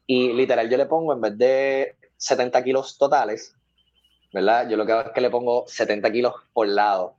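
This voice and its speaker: A man's voice: mid-range voice, steady tone, normal speed, a little mellow, muffled recording. A man, a weightlifting athlete telling stories in a casual interview, acting out the voices of the people he quotes and laughing often.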